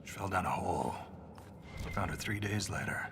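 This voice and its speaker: An actor playing a gruff male dwarf veteran in a video game, telling a story in a dry, terse way. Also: moderate pace, far from the mic, lightly acted. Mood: dry, wry. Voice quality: gravelly, low. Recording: game audio under a stream with steady noise.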